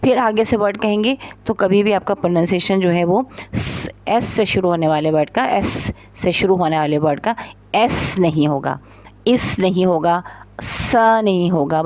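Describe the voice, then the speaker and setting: A woman's voice: medium pitch, expressive, a little mellow, no echo. Careful Urdu-accented woman teaching English. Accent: Pakistani Urdu. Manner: slow and careful reading of English, then explaining it; spells words out letter by letter. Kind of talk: spoken textbook lesson.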